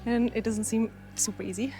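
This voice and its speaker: A woman's voice: a little high, steady tone, a little fast, warm tone. A young woman with a way of talking, chatting eagerly to the camera while hiking outdoors, a little out of breath. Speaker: travel vlogger. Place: outdoors on a mountain hike.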